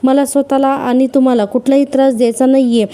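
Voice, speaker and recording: Brief: a woman reads a broken-hearted young man, pleading with his mother, soft dark tone. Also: sits high, level tone, quick pace, natural voice. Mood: distraught. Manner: tearful, apologetic pleading. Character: distraught young man, grieving a lost love.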